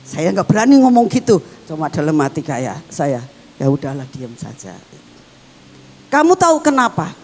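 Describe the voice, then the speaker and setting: A woman's voice: low-pitched, normal speed. Woman pastor preaching emotively. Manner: emotive storytelling, swinging between excited and hushed. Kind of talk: sermon. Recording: long hall reverb with faint music.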